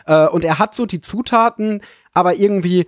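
Male podcast co-host, high voice, dry mic, hesitant reflective chat. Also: brisk, no room sound. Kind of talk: casual chat.

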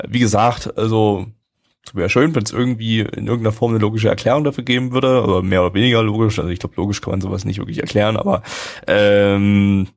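A man's voice: fairly low pitch, steady tone, quick pace, vocal fry, darkish tone. A man hosting a casual anime discussion on a live stream, arguing his point hesitantly and circling back to restate it.

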